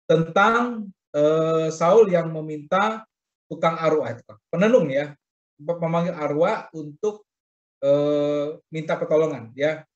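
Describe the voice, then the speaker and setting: A middle-aged man, teaching the Bible in sermon style, often turning to his listeners and acting out quoted speech. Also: takes it slowly. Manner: addresses listeners as "saudara", frequent "begitu ya" tags; animated, acts out quoted speech with rising pitch. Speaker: pastor teaching a Bible reading class. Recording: roomy, dull lo-fi sound.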